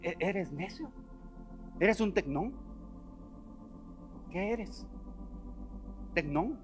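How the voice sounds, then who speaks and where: A man preaching a sermon at a church service, acting out the voices he quotes and swinging between loud and soft. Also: high voice, expressive, extremely slow, faint music behind.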